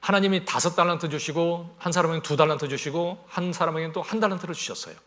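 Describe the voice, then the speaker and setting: A man's voice: on the high side, fast talker. A middle-aged man, a pastor, giving a sermon and acting out quoted dialogue. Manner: animated preaching, voices quoted dialogue.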